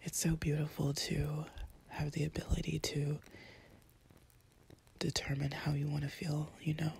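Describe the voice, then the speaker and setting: Breathy, very slow whispered role-play, woman. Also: sits low, little pitch movement, a little mellow, poor audio. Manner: slow, soothing, tender delivery with long pauses. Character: empathic, comforting girlfriend. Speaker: intimate audio performer playing a comforting girlfriend. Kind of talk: whispered role-play, intimate ASMR comfort.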